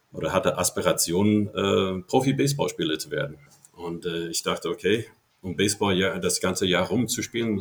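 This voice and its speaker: Older American man, low gravelly voice. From Ohio, USA. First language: English. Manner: hesitant, frequent fillers. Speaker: podcast guest, baseball veteran. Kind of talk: casual interview talk.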